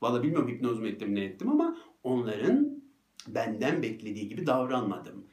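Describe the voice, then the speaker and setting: A man giving a motivational talk, telling a personal story in a joking, animated way and acting out what was said. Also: mid-range voice, fairly quick. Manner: animated, laughing at his own story, acts out quotes. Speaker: motivational speaker. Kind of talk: storytelling monologue. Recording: roomy echo.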